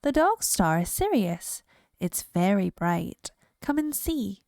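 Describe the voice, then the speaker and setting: A woman's voice: medium pitch, sing-song, slow, gravelly, a little mellow, dry recording, clean studio sound, heavily acted. A woman voicing a cheerful, kind boy who loves adventures. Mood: eager.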